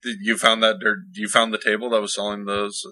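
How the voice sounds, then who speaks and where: A man co-hosting a casual podcast chat, animated and laughing, with plenty of fillers. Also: fairly low pitch, fairly quick, no echo, rough recording. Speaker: podcast co-host.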